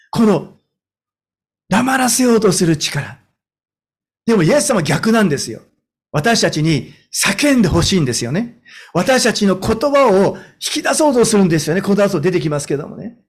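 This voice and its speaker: A man's voice: sits high, husky. A man in his fifties preaching a sermon as a pastor, stressing points with rhetorical questions and then easing into a personal story. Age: 50s.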